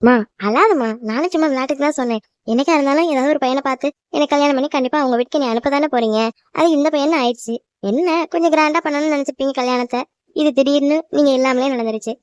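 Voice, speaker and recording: Speaking quickly in a high-pitched voice that stays close to how she normally talks, a woman performs a cartoon role as a young bride. The devoted daughter teases her mother, reassures her, and chats away, with no room sound in the recording.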